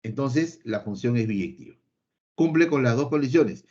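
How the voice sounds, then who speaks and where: A man with a mid-pitched, dark-toned voice teaches an online math lesson at normal speed, animated and emphatic. He repeats things for emphasis, speaks to students directly, and playfully voices an imagined student answering him, all on a slightly dull lo-fi recording.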